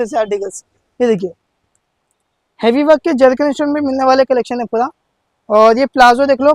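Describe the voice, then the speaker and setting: High-pitched man giving an eager teleshopping pitch. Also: dry recording. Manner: insistent, repetitive, hard-selling. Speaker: shop seller presenting sale offers.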